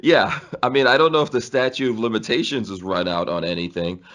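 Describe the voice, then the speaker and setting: This podcast guest speaks in a lowish, slightly bright voice at a somewhat quick clip. He's in his forties, Guyanese-born and New York-raised, and his casual storytelling interview wanders, with frequent laughter and restarts.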